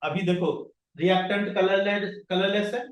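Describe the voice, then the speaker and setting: A man's voice: high voice, steady tone, moderate pace. Man teaching a class in a roomy room. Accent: Indian. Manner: strict, questioning, calls on students by name. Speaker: science teacher. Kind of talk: classroom lecture with questions to students. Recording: roomy classroom audio from a distance.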